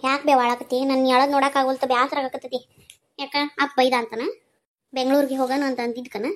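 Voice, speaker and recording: A woman with a North Karnataka Kannada accent voicing a gentle, devoted young village daughter who pleads and soothes her mother in a cartoon. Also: high voice, level tone, fast talker, lightly acted. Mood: tender. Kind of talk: cartoon voice acting.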